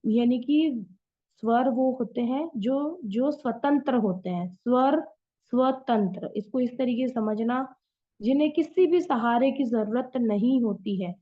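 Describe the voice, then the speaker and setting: A woman's voice: fairly high pitch, unhurried. Female teacher, online lesson, patient explainer, muffled call audio. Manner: patient, explains step by step with examples. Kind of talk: online Hindi grammar class. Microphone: video call. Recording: dull lo-fi online class audio.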